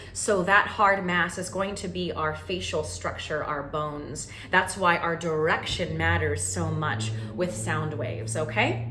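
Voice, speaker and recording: A woman vocal coach leading a warm-up lesson, encouraging and checking in with "okay?" as she goes. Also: on the low side. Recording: roomy echo with faint ambient noise.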